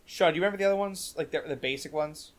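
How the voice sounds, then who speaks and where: A man with a slightly high voice talks about a film in a loose, rambling way. He breaks off, starts again and fills the gaps with "like" and "you know". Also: racing. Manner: rambling, many restarts and fillers. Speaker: podcast co-host. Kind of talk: casual film discussion.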